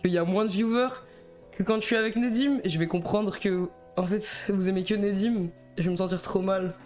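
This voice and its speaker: A man's voice: sits high, steady tone, fairly quick, a little mellow, faint music behind. A young man with a Belgian French accent chatting casually on a live stream, nervous and self-mocking, stammering and rambling between laughs.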